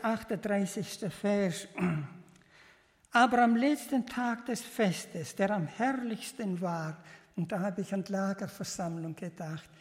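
A man preaching an earnest, fervent Bible sermon as a lay preacher, speaking in halting, loosely built sentences that restart and repeat. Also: high-pitched. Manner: earnest, repetitive, addresses listeners as beloved. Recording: long reverb of a large hall.

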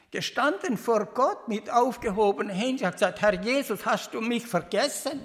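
A woman delivers a heartfelt sermon at a slow, deliberate pace. She stops and restarts often, and her phrasing comes out halting. Her voice carries the long reverb of a church hall. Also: mid-range voice. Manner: halting, heartfelt, with many restarts and non-native grammar. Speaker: preacher.

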